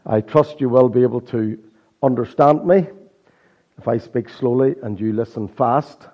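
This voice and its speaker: Croaky, hoarse Irish male preacher. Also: mid-range voice, measured pace. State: hoarse with a sore throat. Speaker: visiting preacher. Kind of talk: sermon. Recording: dull, muffled lo-fi recording.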